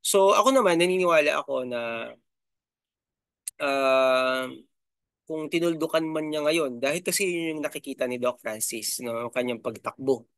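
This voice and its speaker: A middle-aged Filipino man hosts a YouTube channel with casual commentary, his voice a little high and fairly bright at a moderate pace. He's chatty and filler-heavy, often tagging on "no?" and "di ba?", and the sound is clean, echo-free studio quality.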